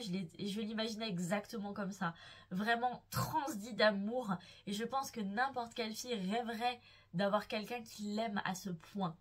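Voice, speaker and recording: This young woman's voice runs on the high side with a fairly bright tone. Hosting her book vlog, she chats casually and enthusiastically, swooning and gushing playfully over favorite characters.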